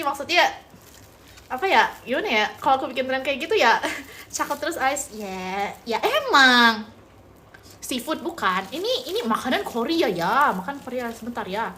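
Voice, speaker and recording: A woman's voice: sits high, very animated, normal speed, sharp tone, a little hiss or hum. A young woman from Indonesia hosting a live mukbang stream, chatting casually with viewers and teasing them, with playful repetition and bits of English. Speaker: mukbang livestreamer. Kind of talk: casual live-stream chat reading comments.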